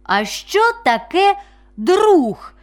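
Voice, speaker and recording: A woman voices a tiny, curious newborn fawn in a children's storybook. The voice is very high and lively, full of wondering questions. It is timid but eager. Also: drawn-out words, full character voice.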